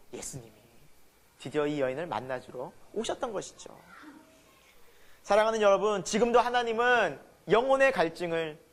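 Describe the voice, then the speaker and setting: A male pastor preaching a sermon, asking the congregation questions and answering them himself. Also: high-pitched.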